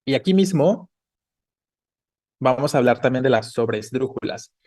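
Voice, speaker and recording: A man's voice: medium pitch, animated, normal speed, darkish tone. Patient male teacher. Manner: patient, checks in often with tag questions. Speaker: Spanish teacher. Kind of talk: online class explanation.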